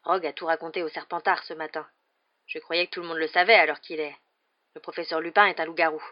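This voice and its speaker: A big, soft-hearted gamekeeper in a storybook reading, as the narrator puts him on. His talk is loud and excitable, bursting with news. The recording is a bit dull and lo-fi. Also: mid-range voice, quick pace, lightly acted. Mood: confiding. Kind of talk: audiobook character voice.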